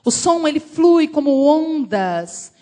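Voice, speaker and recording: High, lively woman preaching. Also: slow pace. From Brazil. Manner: animated, emphatic storytelling preaching. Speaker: missionary preacher. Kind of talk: sermon.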